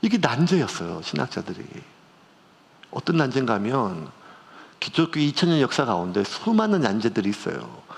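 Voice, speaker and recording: A man's voice: mid-range voice, very animated, brisk, creaky. A middle-aged male pastor, preaching a conversational sermon with strong emotional swings. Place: church sanctuary. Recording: long church reverb.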